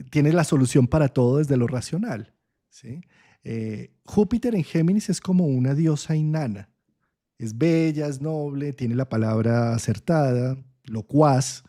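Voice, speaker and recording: Mellow-voiced man explaining with frequent checks. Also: mid-range voice. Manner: frequent "¿sí?" checks, thoughtful and expressive. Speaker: astrologer. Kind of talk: conversational explanation in an online talk.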